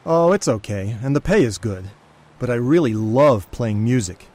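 Male actor as a friendly street musician and waiter, polite, lively voice. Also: medium pitch, a little slow, close to an everyday voice. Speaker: street violinist who works as a waiter. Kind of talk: scripted language-course dialogue.

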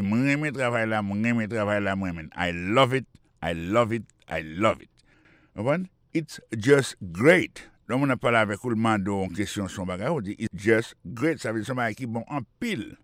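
A man's voice: fairly low pitch, no echo, clean studio sound. A man hosting a radio language lesson, patiently repeating phrases and spelling words out letter by letter. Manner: explanatory and patient. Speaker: English teacher and radio host.

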